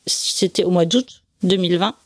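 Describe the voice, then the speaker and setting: Relaxed woman in her forties, dry sound. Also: lowish voice, moderate pace, no room sound. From France. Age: 40s. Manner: explains at length in a relaxed, conversational way. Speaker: guest, offshore sailor. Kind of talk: casual interview conversation.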